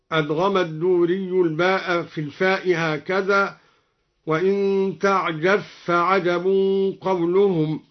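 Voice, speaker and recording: Guy with a high voice explaining recitation rules, slow and careful, dull lo-fi sound. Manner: measured, alternates explanation with slow recited verses. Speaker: Quran recitation teacher. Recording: dull lo-fi recording.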